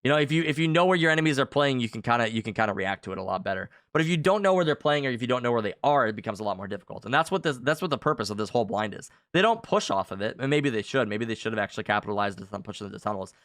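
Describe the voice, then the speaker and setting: A man with a hoarse, tired voice, casually breaking down a game round as a coach and channel host, with loose fillers. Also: mid-range voice, dry recording, studio quality. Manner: fast, animated, loose with fillers. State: hoarse, losing his voice.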